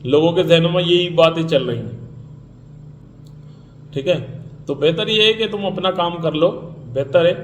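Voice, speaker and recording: A man with a fairly high voice rants in an indignant commentary, repeating points and mockingly mimicking others. The room is echoey, with faint ambience behind him. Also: pauses often, a little hiss or hum. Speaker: vlogger. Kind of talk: ranting commentary.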